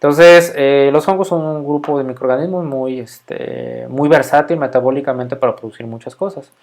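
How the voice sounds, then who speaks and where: A man's voice: mid-range voice, moderate pace, a little mellow. Mexican male lecturer, middle-aged, conversational and filler-heavy, keeps checking in with the class. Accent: Mexican Spanish. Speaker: university microbiology lecturer. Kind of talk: casual recorded lecture.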